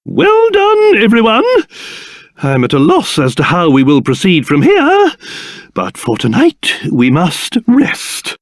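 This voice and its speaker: A man voicing a pompous, excitable old cursed king in a video game, with a British accent and a theatrical manner that swings between grumbling and shrill outbursts. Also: slow, no room sound, studio quality, full character voice. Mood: excited, then grave, scheming. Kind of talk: video game character voice acting.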